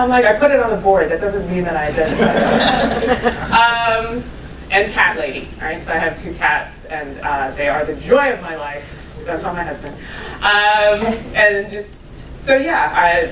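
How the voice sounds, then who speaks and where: Her fairly high voice comes from afar in an echoey lecture room, with slight background noise. She's a New York woman in her thirties giving a casual, self-deprecating lecture to a live audience, sprinkling in asides and laughs.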